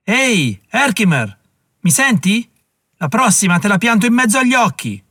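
A man reading an audiobook, voicing an enemy loyalist who shouts mocking threats across the woods. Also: sits high, sing-song, normal speed, breathy edge, no echo, pitched above the performer's own voice, full character voice. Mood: taunting. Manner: taunting shouts from afar.

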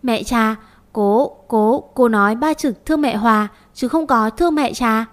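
A woman voicing a timid, sweet four-year-old girl who mumbles softly. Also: a little high, a little slow, close to an everyday voice. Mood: timid childish. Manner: soft, mumbling childish talk.

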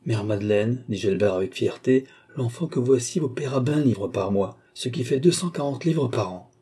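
A man voicing a courteous, proud young gentleman who speaks earnestly in a storybook reading. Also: mid-range voice, lively intonation, moderate pace, breathy edge.

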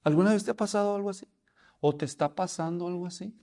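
A man's voice: high voice, fast talker, mellow. A man preaching a sermon, telling the story and asking the congregation questions. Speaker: pastor.

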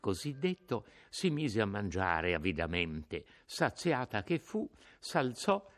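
A man narrating a classic novel as an audiobook in a slow, expressive reading. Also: on the low side. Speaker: audiobook reader.

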